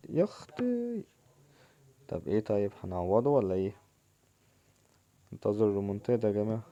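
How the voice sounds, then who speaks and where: A young man with an Egyptian Arabic accent, commenting casually on his own football video game match and shouting at the players in excited bursts. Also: lowish voice, smooth, muffled recording. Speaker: gaming channel host.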